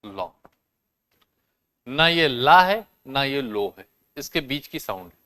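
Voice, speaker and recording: Male teacher, slow and careful, sounds out each word, asks then answers his own questions. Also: mid-range voice, animated, pushed and bright. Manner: explains step by step, asks questions and answers them; sounds out words slowly and carefully. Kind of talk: classroom lesson.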